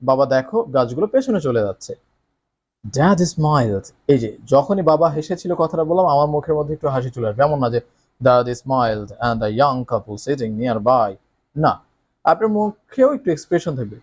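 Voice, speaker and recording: Animated male English teacher, slightly high voice. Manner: switches between explaining and reading English lines slowly with exaggerated expression; often asks tag questions to the viewer. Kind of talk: explaining how to read a story aloud.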